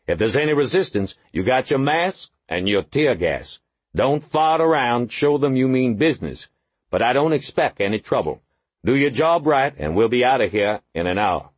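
A man's voice: medium pitch, sing-song, normal speed, breathy edge, dry recording, voice pushed up. A man doing a coarse, bossy police lieutenant. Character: blunt, overweight male police lieutenant.

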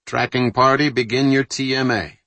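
A man's voice: on the low side, lively intonation, normal speed, pushed and bright, no echo. A man voicing a curt, commanding submarine captain giving orders.

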